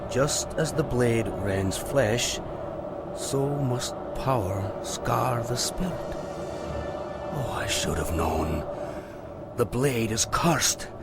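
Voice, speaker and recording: Gruff loyal dwarf veteran in a game, takes his time, loud dramatic music all over. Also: medium pitch, animated, slow. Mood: wary, urgent. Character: gruff, wary, loyal older male dwarf warrior. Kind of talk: video game cutscene acting. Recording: very loud cinematic music behind.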